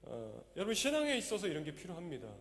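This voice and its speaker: A male pastor giving a Sunday sermon in a church, emphatic and rising to loud exhortation. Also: a little high, huge pitch swings, fast talker. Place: church sanctuary. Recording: long church reverb.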